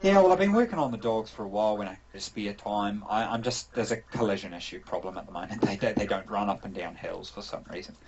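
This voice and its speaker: A man's voice: fairly low pitch, expressive, fast talker, few pauses, a little mellow, dull audio, a little hiss or hum. A man with a New Zealand accent, a game developer answering interview questions in a thoughtful, rambling way with many fillers and restarts. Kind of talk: casual interview answers over an online call.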